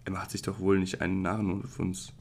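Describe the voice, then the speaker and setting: A man's voice: deep voice, level tone, fairly quick, a little mellow, a little hiss or hum. A man voicing a stern middle-aged chief clerk who asks cold, suspicious questions.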